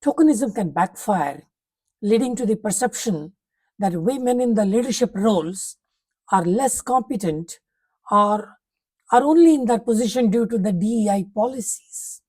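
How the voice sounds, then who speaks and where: A woman reading a prepared talk aloud, setting out numbered points in a measured, formal way. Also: medium pitch, expressive, darkish tone, slightly rough, low-quality recording.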